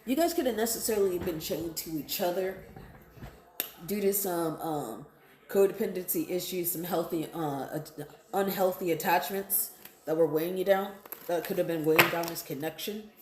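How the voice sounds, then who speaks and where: Her voice is fairly low and darkish, at a normal speed, with reverb and slight background noise. The woman, a tarot card reader, improvises a casual reading for her viewers, chatting conversationally, repeating herself and often asking "right?" or "okay?".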